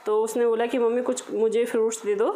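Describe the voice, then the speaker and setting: A woman's voice: a little high, little pitch movement, fairly quick, warm tone, a little hiss or hum, poor audio. A woman in her thirties chatting casually to viewers in a home vlog, talking to them directly. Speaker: vlogger.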